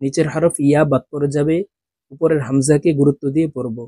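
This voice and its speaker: Male Quran reading tutor, fairly high voice, dry close sound, very slow melodic letter recitation with careful pronunciation, instructive. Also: fairly even intonation, dark tone, breathy edge, no echo. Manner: instructive, addresses viewers directly. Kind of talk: recorded video lesson.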